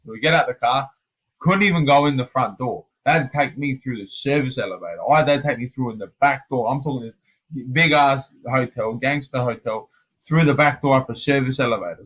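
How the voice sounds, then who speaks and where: An Australian man, a fighter guest on a podcast, telling stories in a loose, animated way and often dropping "man" and "mate". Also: mid-range voice, brisk, rough recording. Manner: animated storyteller, peppers speech with "man" and "mate". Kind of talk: casual storytelling chat.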